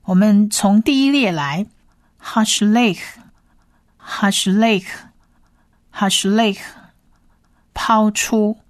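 A woman giving a slow pronunciation lesson as a teacher, spelling out sounds letter by letter and repeating each syllable patiently. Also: medium pitch, lively intonation, a little mellow, no room sound, clean studio sound. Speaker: Hebrew teacher.

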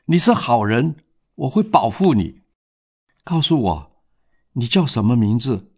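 A man voicing a kind policewoman who speaks softly and comfortingly to a child, in a slow, storytelling way. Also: medium pitch, big pitch swings. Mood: gentle. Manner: soft, comforting. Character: kind gentle adult policewoman.

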